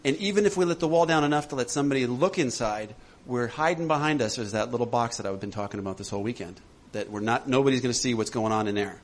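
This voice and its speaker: A man leading a recovery workshop for a group, animated and laughing often as he acts out voices. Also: mid-range voice, fast, hardly any pauses. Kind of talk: talk to a group.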